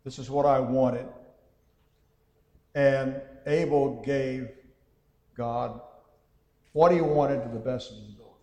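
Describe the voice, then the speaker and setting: Man, Bible class preacher, mid-pitched voice, conversational and hesitant, reads verses aloud, echoey hall with long reverb. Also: steady tone, slow, long pauses, mellow, muffled recording. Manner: thinking aloud, frequent "uh" and self-corrections; reads scripture passages aloud with emphasis.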